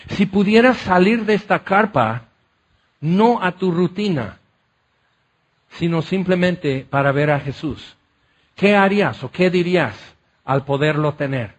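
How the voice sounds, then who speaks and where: A man preaching a sermon in a large tent, impassioned, building to loud repeated exclamations and then dropping low, asking the congregation rhetorical questions.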